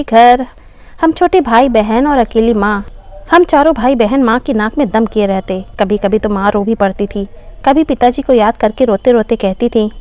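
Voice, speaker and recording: A woman's voice: on the high side, darkish tone. Woman reading a story aloud. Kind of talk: scripted story narration.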